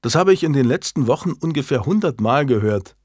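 A man's voice: medium pitch, expressive, fairly quick, darkish tone, no room sound, studio quality, close to an everyday voice. A man voicing a stubborn, sullen young nobleman with curt replies in an audiobook.

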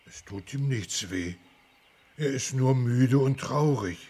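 Benjamin Blümchen, a kindly talking elephant. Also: male voice, medium pitch, animated, darkish tone, husky. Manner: good-natured, slow-spoken, trumpets in elephant talk. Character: kind, friendly talking elephant. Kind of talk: audio drama acting.

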